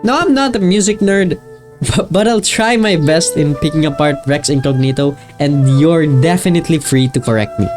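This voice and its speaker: A man on the high side of pitch, speaking at normal speed, narrates his video essay with casual, informal enthusiasm. As a video creator, he talks over background music that features guitar.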